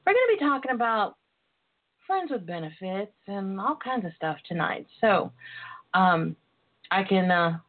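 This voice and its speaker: A woman's voice: medium pitch, very animated, measured pace. Sassy woman host on tinny phone-line radio. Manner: sassy, flirty, uses endearments. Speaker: talk show host, relationship and intimacy coach. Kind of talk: casual radio call-in chat.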